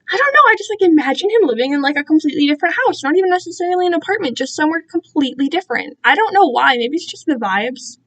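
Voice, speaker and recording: Talking fast in a high, expressive, fairly bright voice, a young woman streamer chats with her viewers from her own room. She wanders between topics, uses plenty of slang, and pokes fun at herself.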